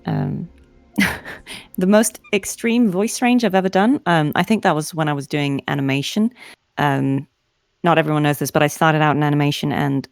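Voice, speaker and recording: A woman's voice: low voice, creaky, no echo, studio quality. A woman voice actor chatting as a guest in a giggly, self-deprecating way. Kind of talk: casual interview chat.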